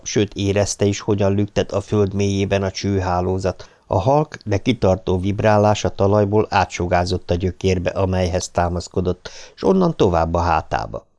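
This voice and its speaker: Deep gravelly guy reading an audiobook, lots of swing in his voice. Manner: expressive, dramatic storytelling. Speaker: audiobook narrator. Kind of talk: scripted narration.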